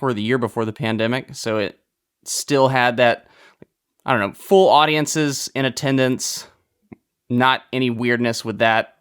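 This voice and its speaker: A man hosting a casual podcast about movies, talking in a relaxed, rambling way with frequent chuckles. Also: mid-range voice. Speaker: podcast host.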